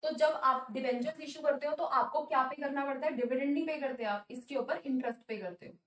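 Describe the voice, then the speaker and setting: A woman teaching a commerce lesson. She asks the class questions, answers them herself, and reads English definitions slowly. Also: sits high, fairly bright tone, a little hiss or hum. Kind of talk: classroom lecture. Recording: echoey room, a little distant.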